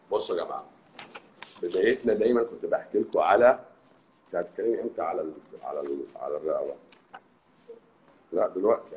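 A man with an Egyptian accent, a doctor hosting a live stream, talking in a sarcastic, teasing, animated way. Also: low-pitched, a little hiss or hum. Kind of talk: casual live stream talk. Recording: roomy echo.

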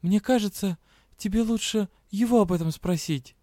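A man reading an audiobook, voicing a spirited young woman, a sharp-tongued student of curses, with defiant, quick retorts. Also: high-pitched, no echo, clean studio sound, pitched above the performer's own voice, lightly acted. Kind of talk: audiobook character voice.

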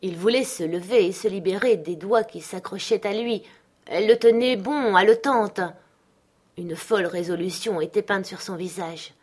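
Woman narrating an audiobook, kinda low voice, very expressive and dramatic. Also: moderate pace, hardly any pauses, husky. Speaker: audiobook reader.

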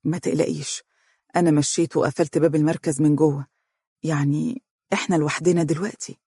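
A man voicing a tender young Egyptian husband who speaks softly and reassuringly. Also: on the high side, steady tone, very fast, breathy edge, dry recording, studio quality. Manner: soft, hushed and tender.

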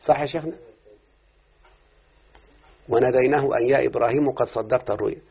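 A man's voice: medium pitch, quick pace, slightly rough. A man teaching Arabic grammar, often quizzing his students with questions. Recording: tinny phone-like recording.

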